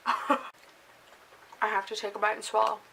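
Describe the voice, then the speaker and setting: A woman's voice: medium pitch, completely flat delivery, a little slow, gravelly. A young woman chatting casually in a baking vlog, giggly, rambling and self-deprecating. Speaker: baking vlogger. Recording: faint hiss behind the voice.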